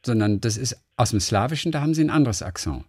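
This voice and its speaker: A middle-aged man co-hosts a radio show, chatting casually on air and rambling as he searches for words. His mid-range voice is expressive, a little mellow and husky, and he talks fast.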